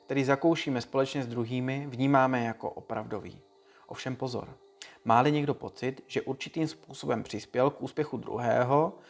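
A man giving a calm, measured read-aloud talk to listeners, like a short lesson. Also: mid-range voice. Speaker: speaker giving a motivational talk.

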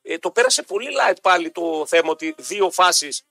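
A man co-hosting a radio sports show, arguing fast and repeating himself in heated banter. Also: high-pitched, animated, sharp tone, no echo. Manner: rapid, repeats words, argumentative.

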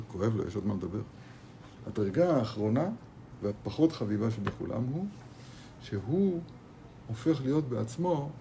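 A man's voice: mid-range voice, gravelly, mellow, a little hiss or hum. A man teaching a Torah class to his students in a kollel, speaking animatedly, repeating phrases and asking rhetorical questions. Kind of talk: lively Torah lesson with students. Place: kollel study hall.

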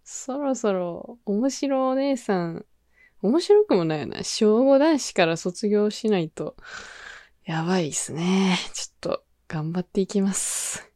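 Lively young Kansai woman chatting. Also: mid-range voice, measured pace, dry recording, studio quality. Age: 20s. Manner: animated, laughs often, acts out her own lines. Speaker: radio show host. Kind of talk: casual solo talk.

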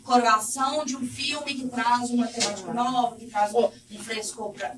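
A woman with a slightly high voice puts a thoughtful question to the panel. Her voice rings in an echoey room with faint ambience behind it. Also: fairly even intonation, normal speed, noisy background. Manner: probing, thoughtful. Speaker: live audience questioner. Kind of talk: asking a question.

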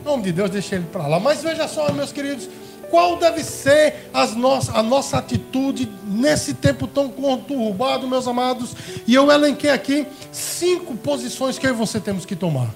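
A man's voice: very high-pitched, lively intonation, moderate pace, creaky, soft background music. A man preaching a sermon as pastor, calling his listeners brothers and beloved and asking them questions.

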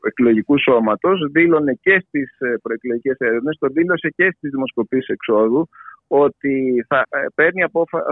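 Male analyst from Greece, slightly high-voiced, hesitant interview delivery, thin telephone sound. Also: no echo. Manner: halting, searching for words. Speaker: pollster and election analyst giving an interview. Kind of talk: spontaneous political analysis in an interview. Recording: tinny, band-limited phone line.

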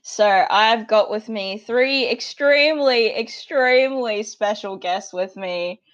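Over remote call audio that loses the high frequencies, a young Australian podcast host chats casually in a slightly high voice. She talks slowly but stays cheerful, giggly, and talkative.

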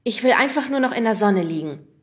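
A woman's voice: fairly high pitch, animated, brisk, voice pushed up, close to an everyday voice. A woman voicing a shy, nervous schoolboy who stammers.

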